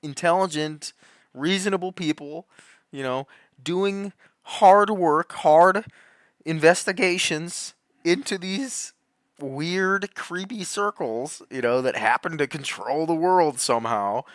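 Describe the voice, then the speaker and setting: A man giving heated, rambling commentary, laughing often and swinging between loud outbursts and low muttering. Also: takes it slowly, dry recording, clean studio sound. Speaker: commentary host. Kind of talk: animated conspiracy commentary.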